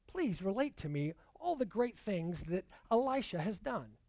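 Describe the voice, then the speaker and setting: Reading scripture in his sermon, this preacher draws out the key words, keeping an earnest and measured tone. His high-sitting voice has a slightly mellow quality, captured dry and close with no echo from the room.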